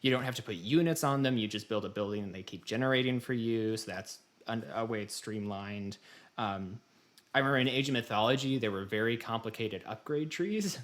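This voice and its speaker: Speaking at a brisk clip, this man from the United States hosts a podcast with relaxed, wandering, dryly humorous talk. His pitch is fairly low and his tone a bit bright.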